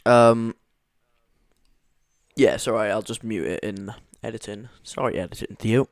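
A young man co-hosting a podcast chats casually, rambling and enthusiastic, with lots of fillers. He's right up close to his microphone in a dry recording, his voice fairly low and a little slow.

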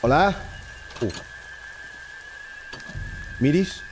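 A man's voice: a little high, expressive, drawn-out words. A man with a Spain Spanish accent hosting a game video, teasing and swearing a lot. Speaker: host. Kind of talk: casual gaming commentary. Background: background music.

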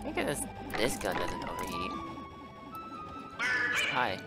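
A man's voice: sits low, wildly swooping pitch, slow. A young man giving casual let's play commentary on a video game. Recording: game music and sound effects behind.

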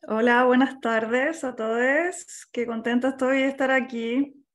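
A woman from Chile presents on an online panel. She speaks slowly and carefully, politely asking for help with the slides. Her voice sits on the higher side. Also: fairly even intonation. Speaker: business consultant, cofounder. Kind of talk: panel presentation on a video call. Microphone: video call.

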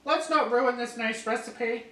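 A woman's voice: a little high, a bit bright. A woman doing a cheeky kid puppet. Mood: playful. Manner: slow, teasing, argumentative. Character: cheeky young kid puppet, playful and stubborn. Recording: roomy, distant mic, faint noise.

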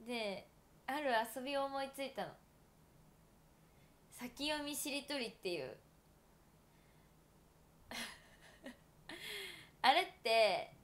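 A woman in her twenties from Toyama, chatting casually and giggling often as a livestream host, filling her talk with fillers. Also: fairly high pitch. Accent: Toyama Japanese. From Japan (Toyama). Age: 20s. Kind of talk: casual solo livestream chat.

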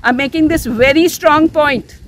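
Older woman, civic activist, high voice, insistent, many restarts, outdoor interview with faint traffic behind. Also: a little slow. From India. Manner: earnest, insistent, with frequent restarts and fillers. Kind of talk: on-the-spot news interview. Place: outdoors near a beach, under an umbrella.

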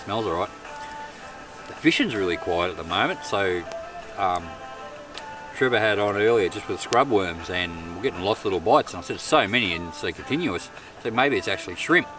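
A middle-aged Australian outdoor vlogger chats casually to camera while camping and fishing at a riverbank campsite at night, in a laid-back, chatty, self-amused camp narration. His voice sits low with lively intonation at a moderate pace, over music. A distant camera mic picks him up along with outdoor night noise.

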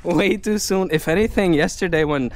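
A man's voice: high-pitched, normal speed. A man live-streaming outdoors while walking his dog, chatting casually with viewers in a giggly, teasing way.

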